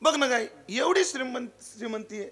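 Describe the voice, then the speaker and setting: A man's voice: extremely high pitch, lively intonation, normal speed, breathy edge, pitched above the performer's own voice, exaggerated voice. A man voicing an eager teenage village boy who pleads insistently with his parents, inside a live devotional sermon. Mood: pleading. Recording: live kirtan with loud music.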